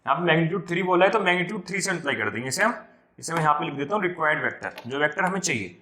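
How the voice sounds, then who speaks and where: A man teaching vector algebra step by step for an entrance exam, slowing down as he reads out each term. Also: fairly high pitch, animated, bright, forceful tone, roomy sound, slight background noise. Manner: slows down when reading out terms, mixes English math words. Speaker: math teacher.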